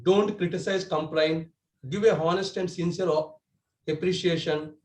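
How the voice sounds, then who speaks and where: A man's voice: on the high side, fairly even intonation, moderate pace, darkish tone, roomy sound, low-quality recording. A man giving a prepared club speech over a video call, earnest and correcting himself as he goes. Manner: earnest, with restarts and self-corrections. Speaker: club speaker.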